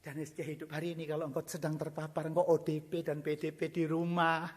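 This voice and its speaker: A man preaching a sermon, swinging from quiet low reading to loud shouted appeals, slipping English phrases into his preaching. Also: flat delivery, quick pace.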